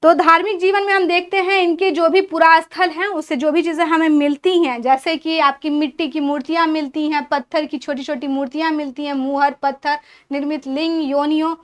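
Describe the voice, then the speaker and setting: In an exam-prep history class, a woman with a high voice walks her students through each point in order, asking questions and then answering them herself. She goes through long lists one item at a time, speaking fairly quickly in an even tone.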